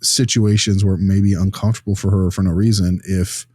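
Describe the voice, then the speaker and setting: In a studio-quality recording with no echo, a man with a deep, husky, slightly mellow voice speaks fairly quickly and flatly. Improvising as an earnest behavior analyst consulting on a child's case, he reasons aloud in a casual, rambling way, earnest and measured.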